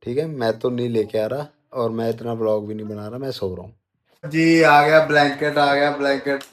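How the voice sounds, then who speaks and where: A man's voice: mid-range voice, moderate pace, fairly bright tone. A man, vlogging a stubborn, teasing argument with his wife at home in the bedroom. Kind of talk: casual bickering at home.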